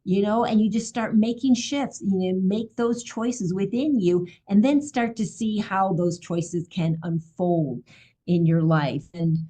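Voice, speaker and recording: A woman's voice: medium pitch, unhurried, dark tone. An older woman hosting a casual talk show, effusive and exclamatory, often breaking out in delight. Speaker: podcast host. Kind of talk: casual conversation.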